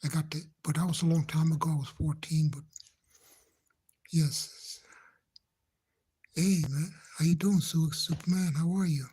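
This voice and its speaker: A man livestreaming from a phone indoors at home, chatting gently with viewers in a hushed, halting whisper so no one in the house hears him. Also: a little high, fairly even intonation, breathy edge. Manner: halting, rambling, gentle, nervous. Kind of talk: hushed casual live chat. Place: indoors in a house he shares, speaking quietly.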